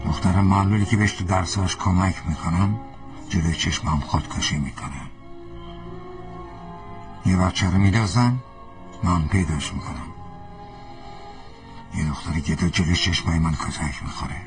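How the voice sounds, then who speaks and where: A man dubbing a young ex-soldier mechanic who cannot stand injustice, speaking in an earnest manner that flares quickly into anger. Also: sits low, lightly acted. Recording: distant voice over film score.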